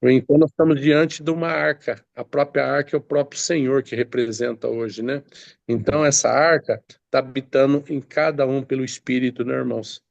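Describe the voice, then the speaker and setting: A man's voice: mid-range voice, steady tone, fairly quick, creaky, dry recording, dull audio. A man preaching a sermon, reading scripture aloud and explaining it with many hesitant fillers and restarts.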